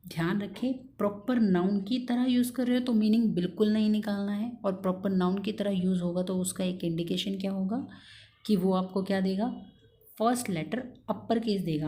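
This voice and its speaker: A woman with a warm, lowish voice teaches an English grammar lesson patiently and coaxingly. She repeats key points and checks in with her students after each one.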